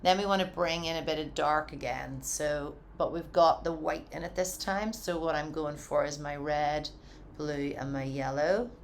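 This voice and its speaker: Woman, low voice, casual painting tutorial, chatty, encouraging, home studio. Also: fairly even intonation, normal speed, a little hiss or hum. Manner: chatty and encouraging, says "wee" a lot.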